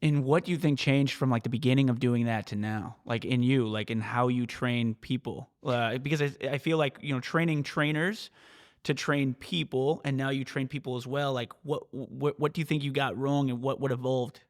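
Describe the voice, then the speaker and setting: Rambling podcast host, mid-pitched man. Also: steady tone, normal speed. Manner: rambling, heavy on "like". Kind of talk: casual interview questions.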